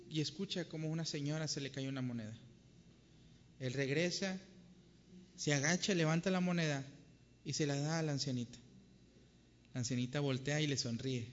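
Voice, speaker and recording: Earnest preacher in a reverberant hall. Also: male voice, on the high side. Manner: earnest, storytelling. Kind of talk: sermon. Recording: dull sound with long hall reverb.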